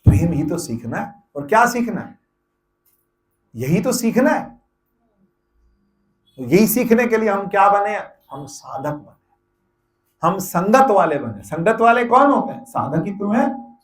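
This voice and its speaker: A middle-aged spiritual teacher gives a devotional discourse to a gathering in a high-sitting, very animated voice, speaking slowly with long pauses. He poses rhetorical questions and answers them himself, often repeating phrases for emphasis, and the room is echoey.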